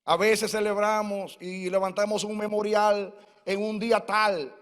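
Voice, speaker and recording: This sixty-something pastor's voice is high, a touch bright, and measured, with little pitch movement. He preaches fervently in a church hall, telling personal stories, and the room adds long reverb.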